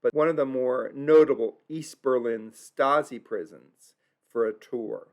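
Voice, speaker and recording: Unhurried and a little mellow, this medium-pitched man narrates his travel video tour with earnest reflection. German place names occasionally trip him up.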